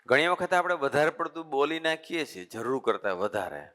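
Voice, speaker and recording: A man's voice: a little high, very animated, brisk, bright, forceful tone. A man, a monk giving a conversational sermon, talking in a folksy way and repeating his points as lists. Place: assembly hall. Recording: long hall reverb.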